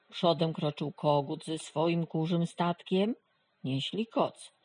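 Slow, low-voiced woman reading a storybook. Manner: calm, even storytelling. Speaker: narrator. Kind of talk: storybook narration.

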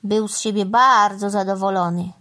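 A woman reading a children's story aloud in an animated, expressive way. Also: mid-range voice, moderate pace.

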